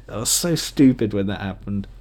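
This is a male podcast host with a lowish, somewhat mellow voice, talking casually and chattily on his own. Jokey throughout, he often laughs at his remarks and acts out imagined quotations.

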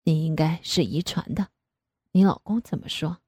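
A woman voicing a middle-aged father in an audio story, soft-spoken and teasing, with a husky, lowered voice. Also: moderate pace, no room sound, studio quality.

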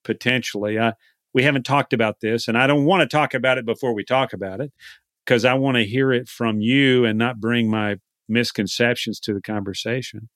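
A man with a Texan accent hosting a podcast, chatting casually and circling back with frequent restarts. His pitch sits mid-range. The recording is dry and close. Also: fairly even intonation, a little fast, fairly bright tone, no room sound. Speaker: podcast host. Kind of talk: casual interview chat.

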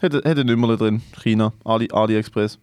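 A man's voice: fairly low pitch, fairly even intonation, a little fast, a little mellow, smooth, no echo. A young man with a Swiss German accent, a comedian co-hosting a podcast, rambling and joking, swearing a lot and stumbling over his words. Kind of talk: casual podcast banter.

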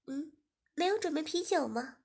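A woman voicing a bubbly, gossipy young woman who talks with eager excitement. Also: high voice, normal speed, vocal fry, pitched above the performer's own voice. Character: lively, chatty young woman guest.

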